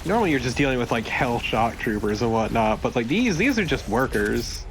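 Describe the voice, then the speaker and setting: A young man co-hosting a let's play video jokes around casually and wryly, swearing freely. His mid-range voice is very animated and fairly quick, with slight background noise behind it.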